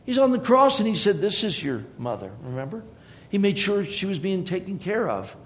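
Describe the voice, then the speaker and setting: A man's voice: sits high, big pitch swings, moderate pace. A man preaching a sermon in a conversational way, with joking asides.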